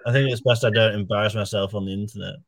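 A man's voice: fairly low pitch, fairly even intonation, rapid-fire. A British man speaking as a guest in a casual interview, giving short, dry, self-deprecating answers. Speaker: guest comic artist. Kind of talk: casual video-call interview.

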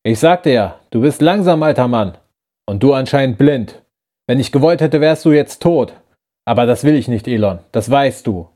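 A man's voice: medium pitch, lively intonation, moderate pace, dark tone, lightly acted. A man voicing a bitter rebel who betrayed his old friend, talking in an urgent, reproachful way in a science-fiction audiobook. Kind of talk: audiobook character voice.

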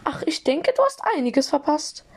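A woman voicing a small, polite male wizard teacher with a squeaky voice in a fan audiobook reading. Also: very animated, normal speed, heavily acted. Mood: amused.

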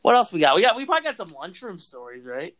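A young man hosting a podcast, telling stories among old friends with frequent laughter and animated asides. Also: high-pitched, quick pace. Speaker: podcast host.

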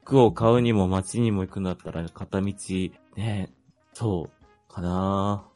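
A man's voice: low-pitched, steady tone, slow, a little mellow, faint music behind. A man chatting casually about his own life as a panelist, polite and a little hesitant, thinking aloud. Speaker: panelist on a hobby talk show.

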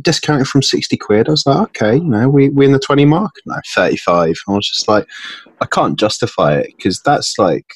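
A young man from England chatting casually as a podcast guest, self-deprecating and quick to laugh. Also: deep voice, husky, dry recording. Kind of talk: casual chat.

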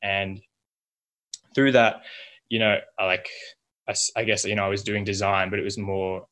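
A man's voice: fairly low pitch, flat delivery, moderate pace, a bit bright. A man of twenty-one with an Australian accent, chatting casually as an interview guest in an informal, rambling way full of likes and you-knows. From Melbourne, Australia. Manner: informal, rambling, hedging with like, you know, kinda, whatnot. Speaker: podcast guest, logo and brand designer.

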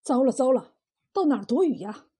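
Woman playing a hot-tempered young disciple, loud bluster, husky edge. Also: high-pitched, lively intonation, fairly quick. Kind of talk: storytelling role voice.

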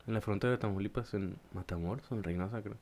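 A man from Tampico, Mexico, chatting casually on a podcast, often pausing and checking with "¿no?". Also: on the low side, crowd noise. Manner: hesitant, adds "¿no?" checks and small corrections. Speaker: podcast co-host or guest. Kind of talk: casual chat.

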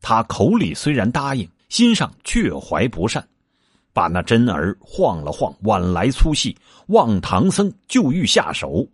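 A man narrating a classic tale aloud with animated, swooping delivery. His low voice is husky and he reads at an unhurried pace, dry and close. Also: no echo. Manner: expressive, acted reading. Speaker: storyteller. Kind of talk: reading a classic novel aloud.

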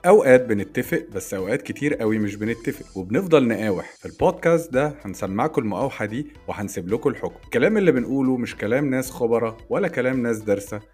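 A man's voice: mid-range voice, lively intonation, racing, hardly any pauses, a little mellow, husky, faint music behind. A man with an Egyptian Arabic accent, chatting casually as a podcast co-host and mixing in English phrases. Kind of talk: casual chat between friends.

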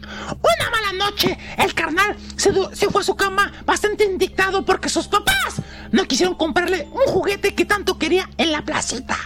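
A woman with a Mexican accent telling a horror story casually, with slang, jokes and dramatic pauses. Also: very high voice, expressive, fairly bright tone, faint music behind.

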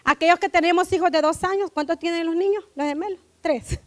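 A woman preaching a lively church sermon, often checking in with her listeners and acting out family scenes. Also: extremely high pitch, a little fast. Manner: animated, keeps asking "right?", acts out family quotes.

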